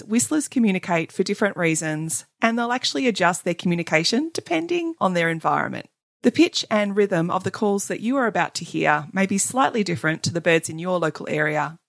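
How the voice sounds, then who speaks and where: Slightly croaky Australian woman, dry close sound. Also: fairly low pitch, no room sound. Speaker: podcast host. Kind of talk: scripted podcast narration about birds.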